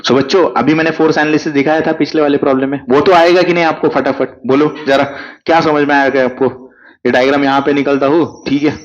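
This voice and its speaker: Physics sir, keeps quizzing the kids, bit high voice, muffled lo-fi audio. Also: male voice, flat delivery, fast. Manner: coaxing, questions students constantly. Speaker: physics teacher. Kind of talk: exam crash-course lecture.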